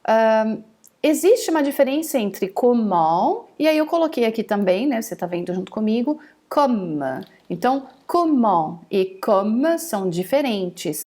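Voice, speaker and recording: A woman gives an online French lesson from home. Her voice sits a little high, and she speaks slowly and deliberately. She models each phrase twice before she explains it. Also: big pitch swings, warm tone. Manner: slow, careful modelling of phrases, repeated twice. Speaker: French teacher.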